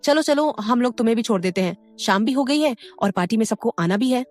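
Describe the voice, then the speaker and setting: A woman's voice: a little high, lively intonation, a little fast, soft background music, lightly acted. A woman voicing a cocky young male college athlete in an audio story, talking in a teasing, offhand way.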